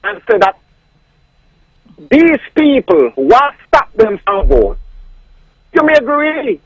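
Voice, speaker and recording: A man with a Kittitian and Nevisian Creole accent calling a radio show on a dull phone line, arguing in a halting, repetitive, insistent way. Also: very high voice, sing-song, breathy edge, no echo. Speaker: caller.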